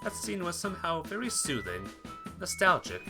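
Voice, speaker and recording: This man's voice sits high and swings hugely in pitch, with vocal fry and a moderate pace. He reads visual novel text aloud as narration, performing the dialogue, sometimes tripping on words and fixing them, while music plays behind him.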